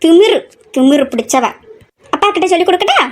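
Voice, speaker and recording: Woman as a nagging middle-aged mother, high-pitched, constant scolding; comedy skit. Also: lively intonation, fairly quick. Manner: scolding, complaining nonstop.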